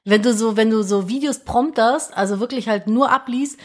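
Woman cohosting a laid-back podcast w her husband, keeps throwing in quick jokes. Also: fairly high pitch. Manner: quick joking interjections. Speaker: podcast co-host. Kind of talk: casual chat.

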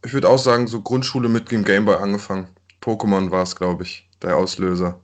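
A man's voice: lowish voice, steady tone, brisk. A man in his late twenties who co-hosts a casual podcast chat, rambling and searching for words. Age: 20s. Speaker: podcast co-host.

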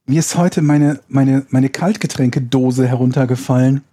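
A man's voice: mid-range voice, normal speed, mellow, no echo, studio quality. A man co-hosting a podcast, telling a rambling story and teasing the others in casual chat. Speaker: podcast co-host.

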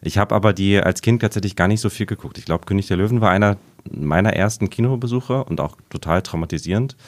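A man with a deep voice and a smoker's rasp. He talks casually on a film podcast, feeling his way through rambling, hesitant phrases. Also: fast. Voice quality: smoker's rasp, gravelly hoarse voice.

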